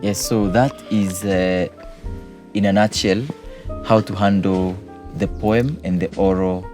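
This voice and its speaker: A man's voice: low-pitched, fairly even intonation, slow, music in the background. A man, a teacher patiently explaining poetry exam questions and repeating key points.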